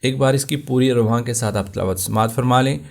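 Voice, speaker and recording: A man with a Pakistani Urdu accent teaching Tajweed, explaining common mistakes and then reciting verses slowly and drawn out. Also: medium pitch, gravelly. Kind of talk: Tajweed lesson.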